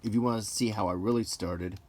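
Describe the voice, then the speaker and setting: A middle-aged man vlogs while flipping through game books, chatting casually and unscripted with nostalgic, mildly grumbling asides, an accidental bit of ASMR. His voice is lowish and dark, with fairly even intonation and a slightly quick pace.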